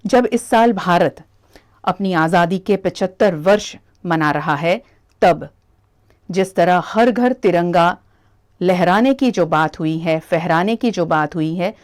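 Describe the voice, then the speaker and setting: A woman narrates a television news report in a steady, formal reading voice. Her voice sits fairly low and the delivery stays measured throughout. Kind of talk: scripted news voice-over.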